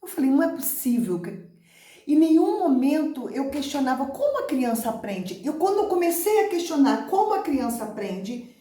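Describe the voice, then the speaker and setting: A woman's voice: high voice, big pitch swings, moderate pace, warm tone. A middle-aged Brazilian woman teacher talking to viewers about how she learned to read and about literacy methods, emphatic and repeating key words. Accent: Brazilian Portuguese. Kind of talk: personal talk to camera on teaching methods. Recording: echoey room.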